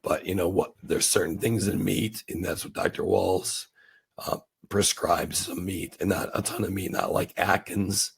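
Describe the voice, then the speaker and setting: Gravelly, raspy man as interview host. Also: low-pitched, steady tone, measured pace. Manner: affirming, asks short follow-up questions. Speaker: host, retired doctor. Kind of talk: casual interview chat.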